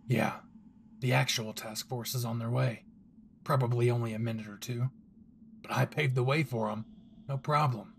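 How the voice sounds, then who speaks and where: In a dramatic audio roleplay spoken to the listener, a man voices a brash, possessive young hero who is gruff, cocky, protective, intense and foul-mouthed. His medium-pitched voice is gravelly yet close to everyday speech, with slight background noise.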